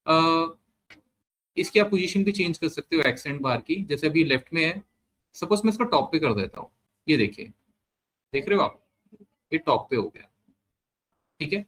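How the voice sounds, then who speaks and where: A man giving a step-by-step screen-share software lesson, mixing Hindi with English terms and often checking in with the learner. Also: fairly high pitch. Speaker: software trainer.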